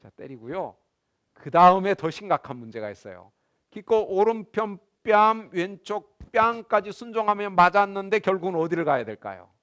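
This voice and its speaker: Animated high-voiced male lecturer. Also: moderate pace. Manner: animated, acts out scenes and asks the class questions. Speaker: seminary professor lecturing. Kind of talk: Bible lecture to a class. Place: lecture room.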